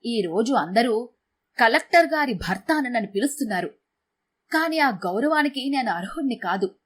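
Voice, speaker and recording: A woman storyteller voicing a young husband who apologizes slowly and remorsefully. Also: on the high side, animated, slightly rough. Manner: slow, apologetic.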